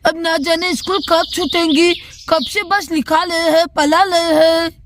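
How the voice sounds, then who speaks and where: A woman's voice: extremely high pitch, fairly even intonation, measured pace, fairly bright tone, slight background noise. A woman voicing a gloating young schoolgirl doll in a storybook, talking in a mocking, gossipy way.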